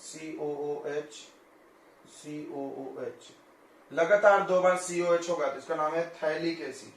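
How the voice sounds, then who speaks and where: A man's voice: on the high side, moderate pace, far from the mic, a little hiss or hum. A male chemistry teacher giving a classroom lecture, explaining step by step and often checking that students follow. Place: coaching classroom. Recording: echoey classroom.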